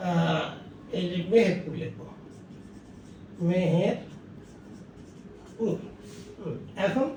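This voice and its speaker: A man with a Bangladeshi accent teaches English grammar in a slow, drawn-out way, repeating each phrase as he writes it out. His voice sits high. It is recorded from a distance in a very echoey room with faint background noise. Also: a little mellow. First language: Bengali. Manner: slow and repetitive, spelling out each word as he writes, mixing Bengali and English. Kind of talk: slow classroom explanation while writing on a board.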